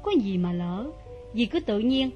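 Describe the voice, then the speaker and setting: An actress playing a gentle but proud young wife in a stage drama, speaking in a soft, measured way. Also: female voice, medium pitch, animated, lo-fi sound, soft background music, close to an everyday voice. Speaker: actor.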